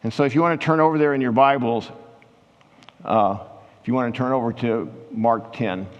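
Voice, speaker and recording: A man giving a conversational sermon as a pastor, growing animated when he retells scenes from scripture. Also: medium pitch. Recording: long hall reverb.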